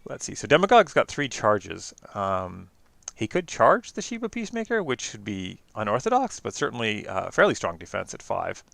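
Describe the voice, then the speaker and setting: A man with a Canadian accent giving chatty live-stream commentary on a card game, quick and full of fillers and restarts. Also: fairly low pitch, wildly swooping pitch, vocal fry, fairly bright tone, dry recording.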